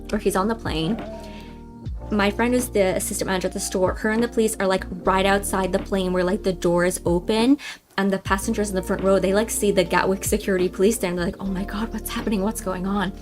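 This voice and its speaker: A young woman chats through a game livestream, her voice at an ordinary middle pitch. She rambles, restarts her sentences and drops in plenty of ums, and she keeps turning to her viewers and calling them guys. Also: steady tone, brisk, music in the background. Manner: chatty, rambling, many fillers and restarts, addresses viewers as guys. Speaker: livestream host. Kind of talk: casual storytelling during a game livestream.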